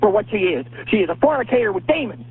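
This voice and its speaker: A man's voice: high voice, expressive, fast, husky. A man calling in to a radio show, ranting in a preachy, indignant tone and stammering over his words. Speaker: caller. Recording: tinny phone line on radio.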